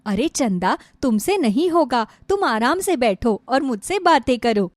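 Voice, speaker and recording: A woman voicing a steady widowed neighbour in a storybook tale, speaking in a calm, comforting way. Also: high-pitched, a little slow, no echo, clean studio sound. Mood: warm teasing.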